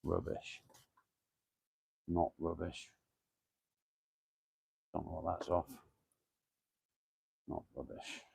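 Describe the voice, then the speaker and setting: A man's voice: low voice, fairly even intonation, drawn-out words, gravelly, pauses often, darkish tone, slightly rough, no echo. A man mumbling a running commentary to himself as he sorts junk in a cluttered shed, swearing casually. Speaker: vlogger. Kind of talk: muttering to himself while sorting junk.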